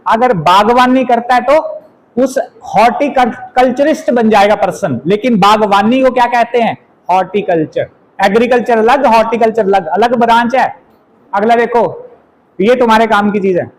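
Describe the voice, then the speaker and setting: Male tutor, high voice, joking classroom style, slow deliberate definitions. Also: low-quality recording. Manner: chatty, teasing, reads definitions slowly. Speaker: English teacher. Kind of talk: exam vocabulary lesson.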